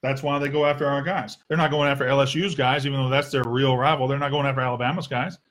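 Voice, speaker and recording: A man's voice: medium pitch, steady tone, fast, fairly bright tone. A man hosting a sports podcast, ranting in a heated, sarcastic way and swearing freely. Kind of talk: opinionated sports rant.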